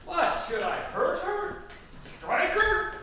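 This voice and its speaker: Man acting a high-pitched, swooping, scornful Lysander. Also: big pitch swings, takes it slowly, sharp tone, exaggerated voice. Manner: declamatory, exaggerated stage delivery. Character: scornful, lovestruck young Athenian gentleman. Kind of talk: staged reading of Shakespearean comedy. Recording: echoey room from far off, faint noise.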